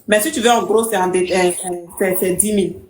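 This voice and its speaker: A woman's voice: medium pitch, steady tone, brisk, slight background noise, natural voice. A woman playing a brash, imperious coach who mocks callers and threatens to block them on a live stream. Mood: bossy. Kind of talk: comic live-stream parody. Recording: roomy echo.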